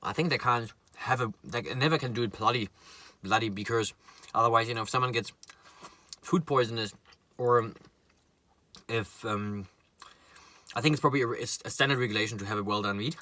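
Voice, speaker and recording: A man chatting casually to viewers while he eats, pausing and murmuring between remarks. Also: medium pitch, sharp tone. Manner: talks while eating, with murmured mms and pauses. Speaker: mukbang vlogger. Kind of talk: casual eating chat to viewers.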